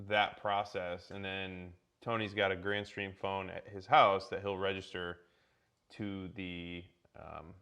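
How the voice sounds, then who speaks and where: A man's voice: on the low side, fairly bright tone. A man walking viewers through a tech setup on a casual livestream, rambling with many restarts and filler words. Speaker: guest presenter.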